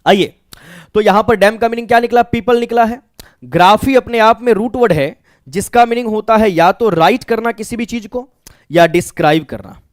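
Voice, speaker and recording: A man with a Bihari accent teaches an exam-prep vocabulary lesson in a high voice. He works through each word by asking his own questions and answering them. The sound is close and dry. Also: moderate pace, no echo.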